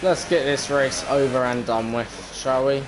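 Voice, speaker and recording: A man's voice: mid-range voice, fairly even intonation, unhurried, music in the background, low-quality recording. A British man giving casual, grumbling, exasperated commentary while playing a racing game. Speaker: gamer, video creator. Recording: racing car noise behind voice. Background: racing game engine sound.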